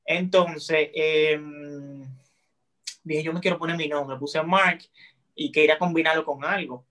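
Young Dominican male guest, friendly and easygoing, a touch high in pitch, heard through a video call. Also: takes it slowly. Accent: Dominican Spanish. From Dominican Republic. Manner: friendly, relaxed, chatty. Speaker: guest TikToker. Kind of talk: casual interview on a video call. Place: small room indoors.

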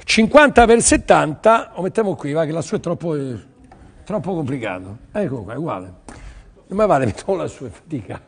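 A man's voice: fairly high pitch, big pitch swings, brisk, husky, big-room sound. A man selling paintings on a TV auction, pushing buyers and repeating his lines to urge them on. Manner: pushy, urging, repeats phrases. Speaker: TV art sales presenter. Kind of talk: televised art auction pitch.

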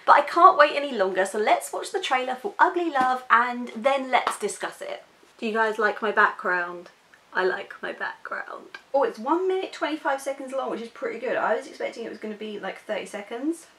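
A woman's voice: on the high side, expressive, brisk, sharp tone. Chatty woman vlogger. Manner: chatty, candid, apologetic asides. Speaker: book vlogger. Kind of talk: casual reaction chat.

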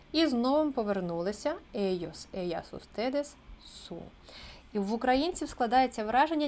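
A woman's voice: mid-range voice, a little mellow, slight background noise. Patient woman teaching a language lesson. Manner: patient, explanatory, slows down on example phrases. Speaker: Spanish teacher.

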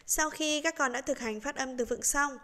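A woman teaching English to young children, in a slow, patient lesson voice, breaking words into syllables in a sing-song way. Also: sits high, sharp tone, long reverb tail.

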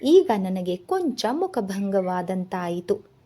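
A woman reading a novel aloud in first person, in a slow, measured, reflective way. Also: mid-range voice, sing-song, warm tone.

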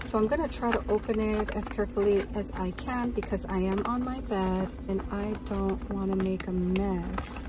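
A woman's voice: mid-range voice, noisy background. A woman talking chattily and with enthusiasm as she shows off her purchases in a casual vlog, recorded while sitting on her bed. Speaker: vlogger.

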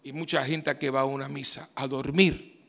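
Priest preaching in a reverberant church. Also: male voice, medium pitch, level tone, moderate pace. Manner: conversational preaching with rhetorical questions and sudden loud outbursts. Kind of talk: homily.

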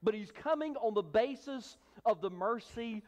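A man's voice: high-pitched, animated, moderate pace, in a large hall. A man preaching a sermon as pastor, emphatic, acting out voices of a crowd. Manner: emphatic preaching, acts out the crowd's hushing in a raised voice. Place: church sanctuary.

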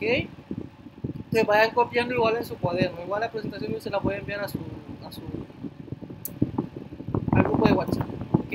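High-voiced bilingual teacher over loud noise. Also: male voice. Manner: explains in English then repeats in Spanish, frequent "ok?" checks, some restarts. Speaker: English teacher. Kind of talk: bilingual classroom lesson.

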